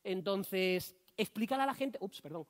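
A man from giving a conference talk, joking and animated with quick asides. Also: sits high. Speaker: conference speaker.

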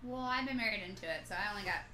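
A woman's voice: mid-range voice, very fast, roomy sound, crowd noise. A woman guest chatting playfully on a livestream, teasing the host. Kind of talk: casual chat on a livestream.

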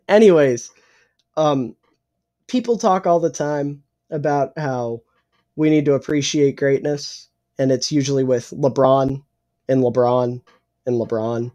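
A young man co-hosting a casual sports podcast, opinionated and swearing freely, a little hoarse and clearing his throat. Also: medium pitch, steady tone, slow pace, dark tone. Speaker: podcast co-host.

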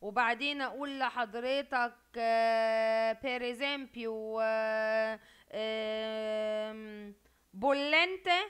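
A woman's voice: on the high side, takes it slowly, a bit bright, clear, resonant tone. A woman with an Egyptian Arabic accent teaching an Italian class over a video call, quizzing her students and repeating each word. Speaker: university Italian lecturer. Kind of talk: online lecture.

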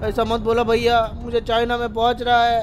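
A young man commentating gameplay excitedly, full of loud exclamations. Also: very high voice, moderate pace, a little hiss or hum. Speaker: gaming channel host.

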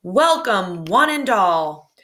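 A woman voicing a showy little male carnival showman who calls out in a booming, theatrical way. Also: slow pace, sharp tone.

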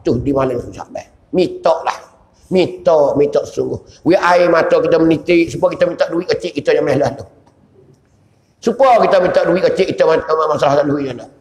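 A man with a Patani Malay accent, a religious teacher giving a sermon in a sing-song, prayer-like cadence full of repeated invocations and sudden shouts. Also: a little high, a little fast. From southern Thailand. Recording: echoey hall with long reverb.

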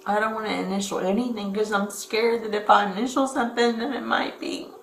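A woman's voice: mid-range voice, steady tone, fairly quick, creaky, a bit bright. A woman, rambling and pleading while being held by police. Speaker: person being arrested. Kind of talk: police custody recording. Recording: echoey room, distant mic, background noise.

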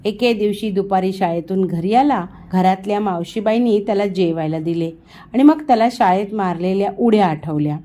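A woman narrating a children's story in a gentle, measured way. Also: mid-range voice. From India.

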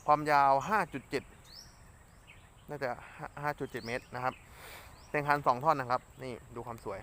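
Man, casual fishing vlogger, chatty, mid pitch, outdoors, faint birds and nature around. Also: a bit bright, a little hiss or hum. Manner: chatty, talks to himself while casting. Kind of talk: casual product review vlog. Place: outdoors by the water.

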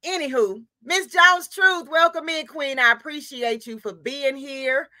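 A woman's voice: high-pitched, unhurried, bright, forceful tone, dry recording, studio quality. A woman hosting a sewing livestream, greeting viewers one by one in a chatty, laughing, scattered way and calling each one queen. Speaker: livestream host of a sewing channel.

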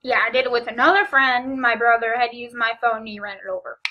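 A teenage girl guesting in a friend's tag video, playful and quick to laugh, with cheeky asides. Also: fairly high pitch, fairly even intonation, highs cut off.

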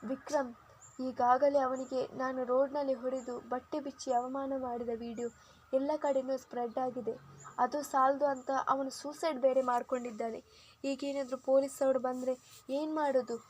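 A woman's voice: high-pitched, flat delivery, normal speed, darkish tone, a little hiss or hum, close to an everyday voice. A woman voicing a distressed young wife who speaks in a shaky, tearful voice. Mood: frightened.

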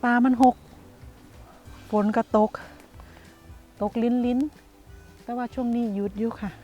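A woman with an Isan (Northeastern Thai) accent vlogs outdoors in the countryside, chatting casually and calling her viewers "brothers and sisters." Her fairly high voice is slow and dark-toned, with dull audio and soft music behind her.

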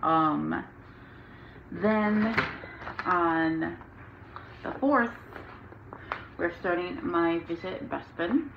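A woman's voice: fairly low pitch, drawn-out words, gravelly, pauses often, lo-fi sound, background noise. A tired, out-of-breath young woman chatting casually to camera about her cross-stitch projects, rambling with many ums. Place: home room with windows open.

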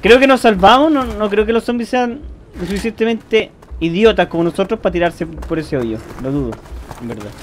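A young man with a Chilean Spanish accent, doing excitable, swearing co-op game commentary. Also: high voice, fairly quick, a little hiss or hum. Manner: excitable, swearing, yelling at his partner. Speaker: gamer. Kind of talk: co-op let's play commentary. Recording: game music behind.

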